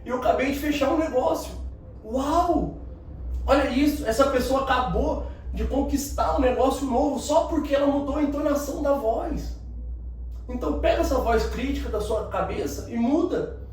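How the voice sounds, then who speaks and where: High-voiced man coaching emphatically. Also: fairly quick, darkish tone, slight background noise. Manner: emphatic, coaching the listener directly. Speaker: motivational speaker. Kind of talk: motivational talk. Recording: very echoey room, distant mic, faint ambience.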